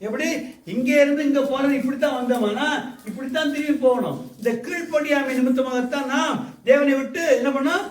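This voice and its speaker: A man with a very high-pitched voice preaches a sermon at a fairly quick pace, questioning his congregation and repeating his phrases. It's recorded in a church hall by a distant microphone that picks up plenty of echo.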